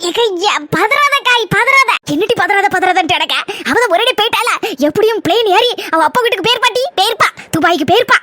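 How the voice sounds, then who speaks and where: A woman with an acting a loud, dramatic, scolding village woman in a comedy skit. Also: very high voice, lively intonation, fast talker, no room sound. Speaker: comedy sketch performer playing several village women.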